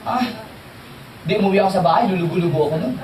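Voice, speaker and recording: A man giving a motivational training talk to an audience, animated and joking, often quizzing the listeners. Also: high voice, quick pace, noisy background. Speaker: seminar trainer. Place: seminar hall with audience. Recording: echoey hall, distant mic, faint crowd.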